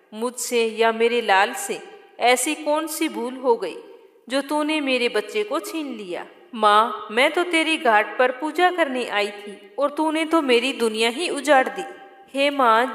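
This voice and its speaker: A woman's voice: high-pitched, fairly bright tone. A woman voicing a grieving old mother who pleads desperately and tearfully with a goddess, in an echoey room with a long reverb.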